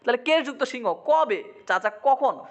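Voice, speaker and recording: A man, teaching a poem line by line. He asks quick check-in questions, repeats meanings, and sometimes slips into English. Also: very high-pitched, lively intonation. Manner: dramatizes quoted lines, mixing in English. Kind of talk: poetry lesson, line-by-line explanation.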